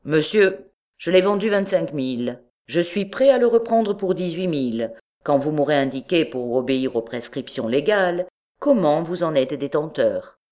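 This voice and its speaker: A woman's voice: sits low, lively intonation, normal speed, mellow. A woman voicing a formal, wary male goldsmith who speaks precisely.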